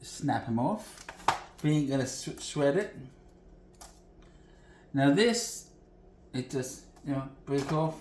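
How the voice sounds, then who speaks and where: A man's voice: medium pitch, expressive, slow, pauses often, a little mellow, a little hiss or hum. A man hosting a home cooking channel, chatting in a folksy, rambling way as he demonstrates a recipe in his kitchen. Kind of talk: casual cooking demo. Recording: echoey kitchen room.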